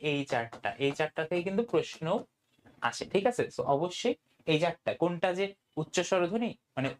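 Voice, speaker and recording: A tutor teaching an online Bangla grammar class, often asking "okay?" and mixing in English words. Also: medium pitch. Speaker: admission test tutor.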